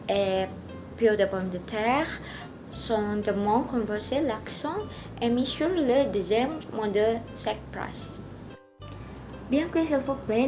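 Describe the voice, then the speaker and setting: A young woman, playing a restaurant customer and explaining French phrases in a student video. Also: on the high side. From Indonesia. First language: Indonesian. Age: 20s. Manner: explains slowly, learner's French. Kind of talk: classroom role-play and explanation.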